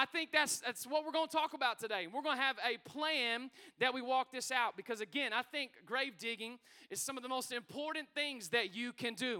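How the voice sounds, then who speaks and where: A middle-aged man preaching a sermon as pastor, energetic and calling out to his congregation in a church hall. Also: extremely high pitch, clear, resonant tone.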